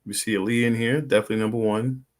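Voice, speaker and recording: A man's voice: on the low side, fairly even intonation, rapid-fire. A man hosting a live podcast interview, laid-back and friendly with viewers. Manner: laid-back, shouts out listeners. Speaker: podcast host. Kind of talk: casual livestream interview.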